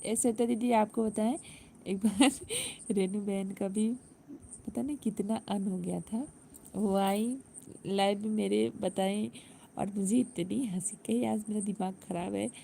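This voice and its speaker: A woman's voice: mid-range voice, steady tone, a little slow, gravelly, mellow, slight background noise. A woman hosting a casual live stream, chatting and laughing with viewers and greeting them by name.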